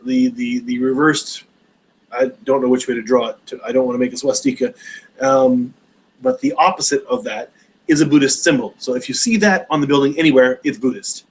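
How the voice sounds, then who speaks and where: A man's voice: mid-range voice, steady tone, a little fast, husky, poor audio. A man in his forties hosting a casual live stream Q&A, rambling with many hesitations and restarts. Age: 40s.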